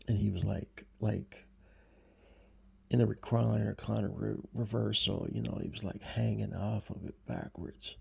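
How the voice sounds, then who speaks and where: Gravelly man rambling through a story. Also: lowish voice, a little mellow. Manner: rambling, halting, full of fillers and self-corrections. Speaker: vlogger recounting a dream. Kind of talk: casual storytelling.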